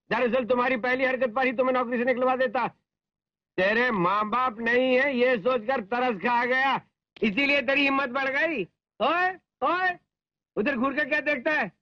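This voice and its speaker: A man's voice: very high voice, steady tone, moderate pace, no echo. An actor dubbing a lecherous, boastful and cowardly man who swings between pompous sneering and whining pleas. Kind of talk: Hindi film dubbing. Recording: dull film soundtrack with music.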